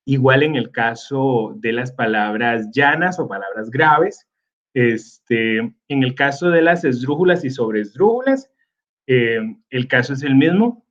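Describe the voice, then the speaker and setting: A man, teaching a recorded slide lesson slowly and filling pauses with hesitations. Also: medium pitch, expressive, a bit bright, muffled recording. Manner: slow, with many fillers like "este" and "eh".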